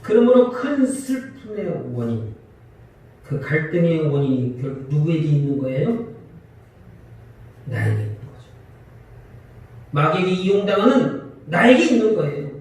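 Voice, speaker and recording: High-voiced pastor preaching in an echoey church. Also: male voice, a little slow, long pauses. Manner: lively, asks the congregation questions and acts out quarrels. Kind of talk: sermon. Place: church sanctuary. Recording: echoey church hall from far off.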